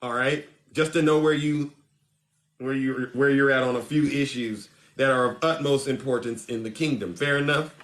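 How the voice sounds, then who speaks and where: On his live call-in stream, this host keeps the chat casual and teases callers in good fun, going from loud to soft. His medium-pitched voice has fairly even intonation and a moderate pace.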